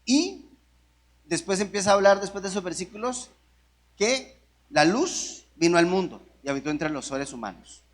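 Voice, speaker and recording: A man's voice: sits high, sing-song, normal speed. A man preaching a sermon in a conversational way, often asking the congregation rhetorical questions. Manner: conversational, with restarts and jokes.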